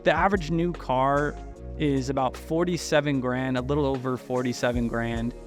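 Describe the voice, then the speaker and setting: A man's voice: medium pitch, fairly even intonation, moderate pace, faint music behind. A man hosting a casual commentary, talking with cheeks still swollen after having wisdom teeth removed. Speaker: host.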